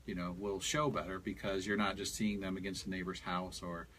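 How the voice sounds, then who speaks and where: A man's voice: low voice, steady tone, a little fast, fairly bright tone, a little hiss or hum. A man working as a landscape designer, explaining garden design in casual radio talk and often saying "you know".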